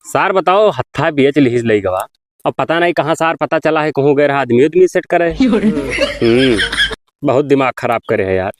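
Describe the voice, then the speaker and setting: A man's voice: mid-range voice, animated, normal speed, background noise, lightly acted. A man with an Awadhi accent playing an irritable villager who scolds and mocks in an amateur comedy sketch. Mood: grumbling. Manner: scornful, scolding. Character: irritable, mocking villager who scorns the drunk.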